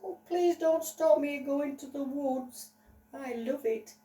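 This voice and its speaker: A woman's voice: sits high, takes it slowly, mellow, pitched above the performer's own voice. Woman doing a meek, pleading defendant. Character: pleading defendant who loves the woods. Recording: roomy echo, voice off-mic.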